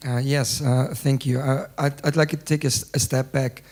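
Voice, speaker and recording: A man's voice: medium pitch, fairly even intonation, normal speed, darkish tone. A man speaking as a newsroom founder on a panel, answering hesitantly and reflectively. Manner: hesitant, reflective, clears throat.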